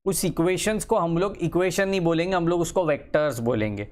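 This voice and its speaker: A man's voice: on the high side, a little mellow. Chatty male maths tutor, repetitive. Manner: repeats phrases, drawls words slowly while writing; encouraging, chatty asides to students. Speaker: engineering maths teacher. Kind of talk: casual Hindi-English lecture.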